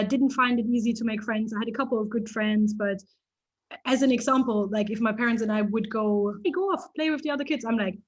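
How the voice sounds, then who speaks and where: A woman from East Germany, a photographer, telling stories in a casual interview with lively restarts and laughter. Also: a little high, lo-fi sound. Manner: animated storytelling, frequent restarts and laughs.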